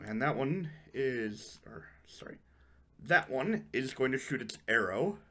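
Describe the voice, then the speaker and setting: Bright-voiced male game master. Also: medium pitch, lively intonation, measured pace. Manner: counts out distances and rulings aloud. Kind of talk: running a tabletop game.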